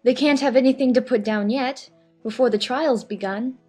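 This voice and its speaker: A woman's voice: normal speed, darkish tone, slightly rough, soft background music. A woman voicing a curious, indignant little girl in a storybook. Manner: high, indignant, then meek.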